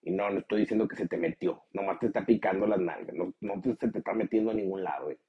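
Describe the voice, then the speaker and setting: A man with a Mexican Spanish accent hosts a motivational podcast, speaking quickly in a slightly rough voice with the highs cut off. He's blunt and profane, pushing challenges at the listener and swinging into high, mocking voices.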